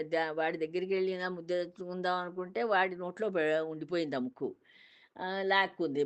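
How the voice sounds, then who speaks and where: An older woman narrates a devotional folk tale in a low, deep-set voice. She takes her time, pausing and going back over her words as she tells it. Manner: unhurried retelling, many pauses and repeats. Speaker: storyteller. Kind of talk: devotional storytelling.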